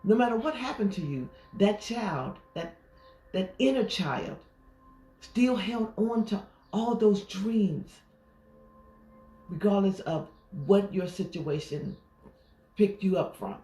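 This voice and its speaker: A woman life coach giving a gentle, reflective affirmation talk, pausing often. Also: mid-range voice, lively intonation, faint music behind. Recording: roomy echo.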